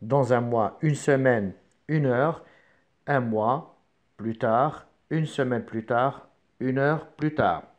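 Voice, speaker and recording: A man's voice: medium pitch, takes it slowly, muffled recording. A man teaching a lesson, reading out examples and dictating them in short, segmented phrases. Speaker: French grammar teacher.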